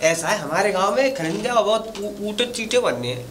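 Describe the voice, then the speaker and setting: A man's voice: high-pitched, animated, normal speed, background noise. A man acting in a rural comedy sketch as a boastful, flirtatious village bachelor who teases and drawls his words.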